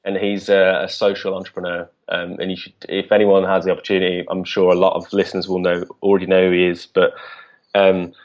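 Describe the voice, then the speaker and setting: A man talking casually as a podcast guest, halting with many restarts and fillers. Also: sits low, completely flat delivery, highs cut off. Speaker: guest, business co-founder.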